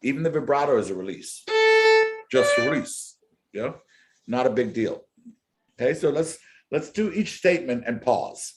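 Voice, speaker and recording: A man's voice: mid-range voice, expressive, moderate pace, pauses often, faint music behind. A man teaching a violin masterclass, earnest and emphatic, often repeating his key words. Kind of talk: masterclass coaching. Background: faint violin playing.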